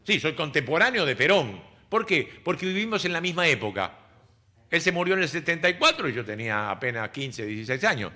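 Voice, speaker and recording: A man's voice: fairly high pitch, very animated, a little fast, bright, forceful tone. An Argentine man in his sixties, a radio host and speech teacher, explaining word usage in a didactic way. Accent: Argentine Spanish. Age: 60s. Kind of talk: casual radio chat.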